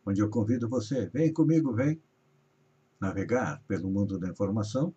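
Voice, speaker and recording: A man's voice: on the low side, normal speed, mellow, breathy edge. A man from Brazil hosting a live news show, reading regional headlines and stories with rising emphasis. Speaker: news host. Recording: dull lo-fi audio.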